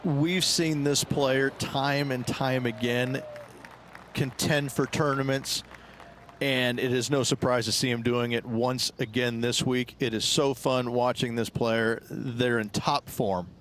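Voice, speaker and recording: A man's voice: mid-range voice, steady tone, slow, fairly bright tone. Male golf analyst over outdoor noise. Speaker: golf commentator, course analyst.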